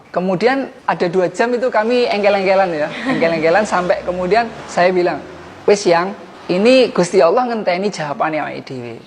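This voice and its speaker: A man's voice: high-pitched, slight background noise. A man with a Javanese accent, a former teacher who now runs a tutoring center, giving an earnest inspirational testimony and acting out the dialogue.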